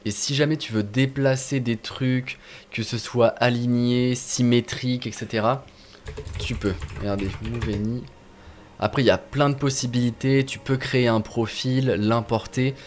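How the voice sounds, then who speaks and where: A man's voice: mid-range voice, fairly even intonation, moderate pace. A man casually walking viewers through game add-ons on screen, talking informally with many fillers and restarts. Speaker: gaming video host. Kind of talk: casual screen-share tutorial.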